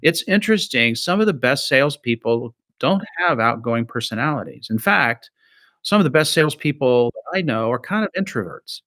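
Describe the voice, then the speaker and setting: A middle-aged man from Nebraska, a podcast guest telling sales stories in a casual, animated way, peppered with "you know". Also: medium pitch, moderate pace, no echo. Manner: animated anecdotes with acted-out quotes, frequent you-knows. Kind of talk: conversational storytelling.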